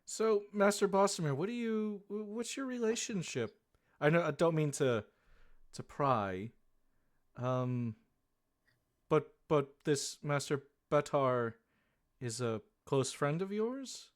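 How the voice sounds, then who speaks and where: A woman's voice: sits low, animated, slow pace, voice pushed down. Woman playing a fretful, prying townswoman. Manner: hesitant, stammering, gently prying.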